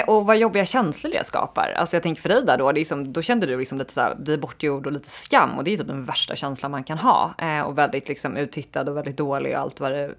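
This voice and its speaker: A woman co-hosting a casual chat, reflecting in a thoughtful, empathetic way. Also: sits low.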